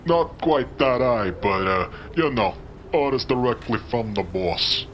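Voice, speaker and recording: A man's voice: medium pitch, lively intonation, measured pace, a bit bright, lo-fi sound, slight background noise. A man playing a chummy, dim but friendly street-tough doorman in a noir audio drama, talking in rambling slang. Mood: chatty. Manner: slangy, rambling wise-guy talk.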